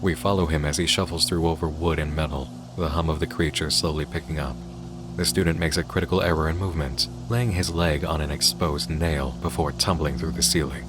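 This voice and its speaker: Very deep-voiced man narrating over noise. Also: fairly even intonation, fairly quick. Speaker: video essay narrator. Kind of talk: scripted analytical narration. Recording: clear background noise under voice.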